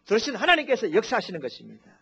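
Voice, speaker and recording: A male pastor preaching a sermon, acting out prayers and quotes in an animated preaching style. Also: high voice, very fast, gravelly, slightly rough, muffled recording.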